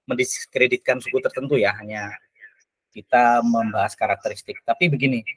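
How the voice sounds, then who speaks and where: A man who is a teacher and podcast guest, telling stories in an animated, emphatic way. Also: husky, no room sound, poor audio. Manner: lively, emphatic, with big swings in pitch. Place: studio.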